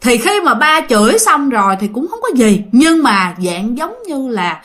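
A woman's voice: a little high, big pitch swings, a little slow, a bit bright. A woman telling a ghost story in a chatty way, addressing listeners directly. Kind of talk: casual ghost story narration.

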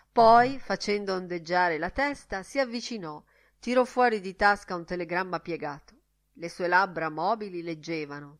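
A woman narrating a literary novel as an audiobook, reading in a measured, deliberate way. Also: on the low side.

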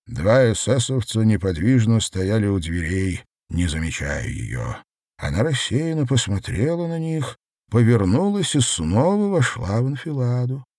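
A man narrating an audiobook in an expressive, dramatic reading. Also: on the low side, a little slow, no echo, clean studio sound.

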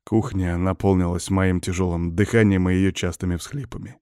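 Low gruff guy reading an audiobook, first person, dead dry sound. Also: fairly even intonation, normal speed, mellow, no room sound. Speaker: audiobook narrator.

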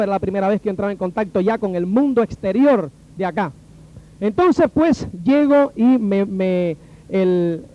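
High-voiced Cuban man telling a story. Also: highs cut off. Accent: Cuban Spanish. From Cuba. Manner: animated, acts out the dialogue of the people in his story. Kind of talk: personal storytelling talk.

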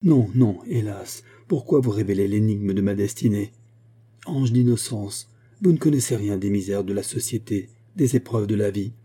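Man reading a passionate, brooding young Corsican man, dark husky tone, impassioned. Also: lowish voice, normal speed. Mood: anguished. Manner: impassioned, pleading.

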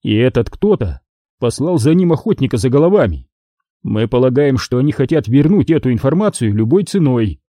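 A steady Jedi master, firm and growing impatient, read by a male narrator in near his own voice. The tone is mellow and dry. His delivery stays even and businesslike. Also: medium pitch, a little fast, no echo, lightly acted. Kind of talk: audiobook reading.

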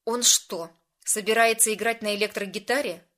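A woman's voice: medium pitch, normal speed, a bit bright, close to an everyday voice. Woman voicing a puzzled young man. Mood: baffled. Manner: questioning, mildly baffled.

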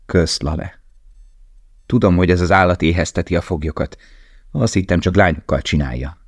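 A frail young prisoner speaks in a soft, subdued, low voice, as a man reads him in an audiobook. The delivery is quiet and weary, and the recording is dry. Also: husky, no room sound.

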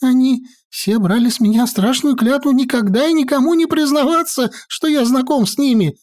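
A woman voicing a jittery, cowardly male sorcerer who pleads and frets in a high, whining patter. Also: normal speed, darkish tone, natural voice. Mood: fearful pleading.

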